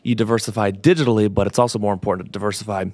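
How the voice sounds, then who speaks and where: A man's voice: on the low side, fairly even intonation, rapid-fire, a little mellow, no echo. A young man from southern New Hampshire, a guest chatting in an upbeat, playful way. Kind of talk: casual chat.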